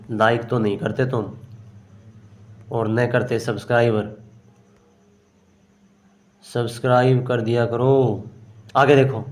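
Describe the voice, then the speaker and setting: A man teaching exam-prep grammar, working through each question aloud and answering his own questions. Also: medium pitch. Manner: explains step by step, asks and answers himself; slow and unhurried, often says "okay". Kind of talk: solving a grammar test aloud.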